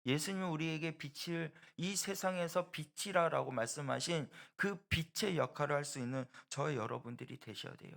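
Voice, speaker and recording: A middle-aged man from South Korea preaching a sermon as pastor, earnest, slowing and swelling loud on key phrases. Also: on the high side, vocal fry.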